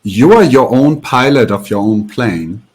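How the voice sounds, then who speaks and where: A man who coaches yoga, speaking as an interview guest in a mid-range voice. He tells a parable in an animated way and then spells out its lesson. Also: mid-range voice, measured pace, slightly rough. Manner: animated storyteller. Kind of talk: casual interview, storytelling.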